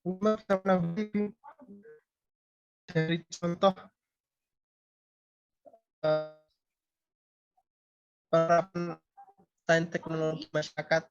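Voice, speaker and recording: A man on a video call hesitantly answering a class question, his voice breaking up and dropping out with many pauses and restarts. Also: a little high, little pitch movement. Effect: choppy, cutting-out video call audio. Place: home with frequent power outages. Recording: dull lo-fi call audio breaking up, faint guitar behind.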